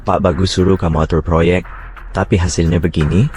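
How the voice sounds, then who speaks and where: An actor playing a stern, powerful executive assistant who gives cold, commanding orders. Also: male voice, low voice, level tone, brisk, background noise, natural voice. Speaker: corporate assistant. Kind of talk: short drama acting.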